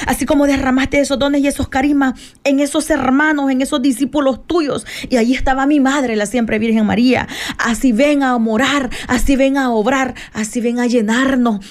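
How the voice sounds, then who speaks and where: A woman preaching a fervent morning sermon, emphatic and repetitive, rising into prayer. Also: a little high.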